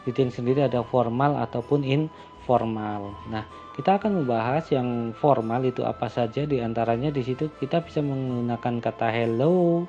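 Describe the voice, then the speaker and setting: A man teaching a class, calmly explaining English greetings and introductions and slowing down for the example phrases. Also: medium pitch. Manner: calm and explanatory, switching into slow, lifted voice for English example phrases. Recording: lo-fi recording with faint music.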